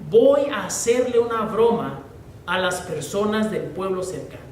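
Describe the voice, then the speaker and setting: A mischievous young shepherd boy , put on by a preacher, cries out in a high, strained voice. The sound rings around a roomy church hall and is picked up from well back. A faint rumble runs underneath. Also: expressive, unhurried. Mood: scheming. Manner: shouting in alarm, then panicked. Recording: echoey church from a distant mic.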